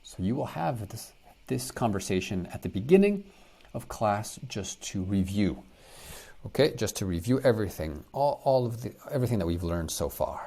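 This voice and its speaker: A man teaching a beginner lesson, saying each phrase slowly, repeating it and giving the for it. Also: lowish voice, sing-song, creaky, warm tone. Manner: slow, repeats phrases and translates to English. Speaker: French teacher. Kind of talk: language lesson.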